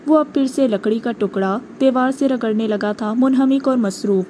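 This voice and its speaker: A woman narrating a novel aloud in measured, dramatic storytelling. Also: on the high side, mellow, slight background noise. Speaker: audiobook narrator.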